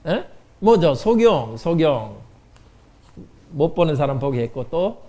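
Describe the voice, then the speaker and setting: 아이들에게 묻고 답하는 남자 목사. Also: male voice, fairly high pitch, sing-song, slow pace, warm tone. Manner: asks children questions and answers them. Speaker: pastor. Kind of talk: children's sermon. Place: church sanctuary.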